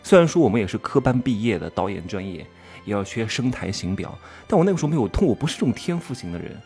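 A man giving an animated monologue lecture, firing rhetorical questions and stressing key words. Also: on the low side, fast, faint music behind. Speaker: commentator teaching expression.

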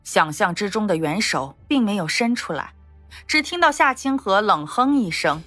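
A woman narrating a novel as an audiobook in an expressive storytelling manner. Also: medium pitch, normal speed, no room sound, soft background music. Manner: expressive storytelling, lively intonation.

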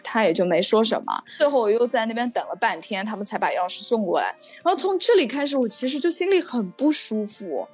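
A woman co-hosting a podcast, telling a story in a fast, animated and indignant way, with casual swearing. Her voice sits a little high and has a slightly husky edge. Faint music plays softly behind her. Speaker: podcast co-host.

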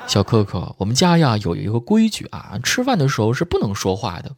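A man voicing a stern middle-aged father who talks in a low grumble. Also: huge pitch swings, a little fast. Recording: music bed behind voice.

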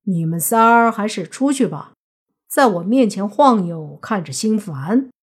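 A woman voicing a cocky, lazy young man who talks in a dismissive, cool way, husky-toned. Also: mid-range voice, animated, unhurried.

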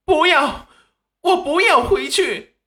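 A man voicing a shrill, abusive middle-aged mother who screeches insults at her daughter. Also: animated, slow, pushed and bright, heavily acted. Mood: panicked.

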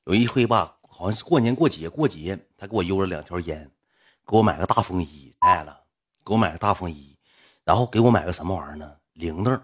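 Husky low-voiced man telling a story. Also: lively intonation, fast. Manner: rambling, blunt, earthy slang. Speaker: livestreamer. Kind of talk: casual storytelling.

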